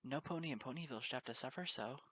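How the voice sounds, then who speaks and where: A man voicing a kind, motherly female pony in an audiobook fan reading, speaking softly with a raised pitch and breathy murmurs. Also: fast. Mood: reassuring.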